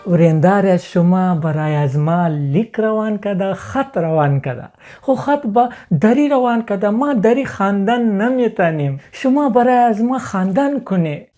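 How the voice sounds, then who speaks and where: A man's voice: sits high, animated, mellow, faint music behind. A man with a Pashto-accented Dari voice, playing a proud, easily offended Pashtun man who speaks in broken grammar in a comedy sketch. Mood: insistent. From Afghanistan. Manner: pleading, insistent, easily offended. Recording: noisy home recording.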